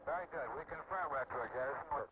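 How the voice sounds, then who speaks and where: A man speaking over a two-way radio link as a ground controller, steady and matter-of-fact. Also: fairly high pitch, normal speed. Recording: muffled, hissy archival radio audio. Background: loud static noise.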